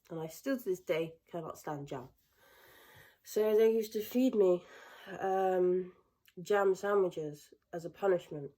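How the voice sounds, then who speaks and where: Young northern English woman, lowish mellow voice, candid and reflective, lots of hesitant pauses; personal storytelling to camera. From northern England. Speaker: vlogger.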